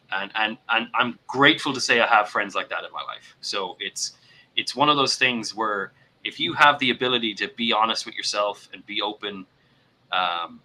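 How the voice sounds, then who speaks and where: An earnest man co-hosting a casual talk about mental health. His voice is very bright and forward, and he often repeats words as he gathers his thoughts. Now and then he acts out examples in a put-on voice. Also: on the low side, rough recording. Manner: puts on voices to act out examples. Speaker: podcast co-host.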